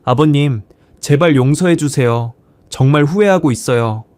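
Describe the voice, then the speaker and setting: A man's voice: a little high, moderate pace, darkish tone, no room sound, natural voice. A man voicing a tearful daughter-in-law who pleads and begs forgiveness. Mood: pleading. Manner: pleading, sobbing.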